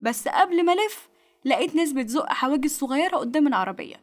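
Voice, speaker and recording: A woman with an Egyptian accent narrating a first-person story in a brisk, tense way. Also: sits high, expressive. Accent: Egyptian Arabic.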